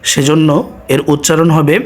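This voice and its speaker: A man teaching Quran reading, drilling each sound slowly and answering his own questions. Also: on the high side, level tone. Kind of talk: slow drilled recitation lesson.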